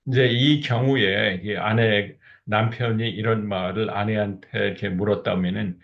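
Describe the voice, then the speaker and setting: Middle-aged guy lecturing about couples talking, low gravelly voice, kinda muffled lo-fi recording. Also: steady tone, normal speed. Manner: explains steps, then acts out sample couple exchanges. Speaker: lecturer on marriage communication. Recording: dull lo-fi recording.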